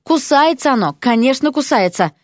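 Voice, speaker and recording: A nervous young male teacher, flustered and given to weary sighs and grumbling, as a woman reader puts him on. The voice stays lively and somewhat raised, read close and dry in an audiobook. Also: high voice, moderate pace, no room sound, pitched above the performer's own voice. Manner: flustered, sighing.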